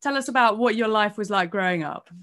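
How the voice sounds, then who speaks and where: A woman's voice: mid-range voice, brisk, fairly bright tone. A woman interviewing a guest, chatty and teasing, restarting her questions. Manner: chatty, teasing, repeats herself.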